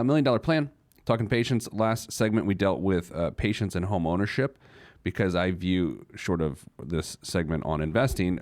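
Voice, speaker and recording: A man with a low, darkish voice hosts a personal finance radio show, recorded in studio quality with no echo. His informal, opinionated money talk is emphatic: he repeats phrases for stress and stops and restarts between rhetorical questions.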